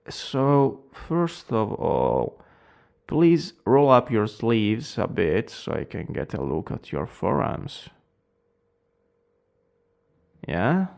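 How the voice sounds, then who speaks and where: A man playing a cold, formal plague doctor in a role-play, speaking with an Italian accent in a gravelly, deliberate, clinical manner. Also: on the low side, darkish tone, exaggerated voice. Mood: clinical, courteous. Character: cold, eerily polite male plague doctor.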